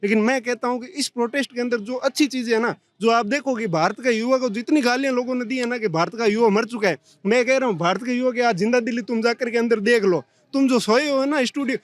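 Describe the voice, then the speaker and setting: A young man from Rajasthan speaks out passionately as a protester in an outdoor street interview. His voice sits very high for a man. He talks in heated, rapid bursts. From Rajasthan, India. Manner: impassioned, rapid-fire complaints.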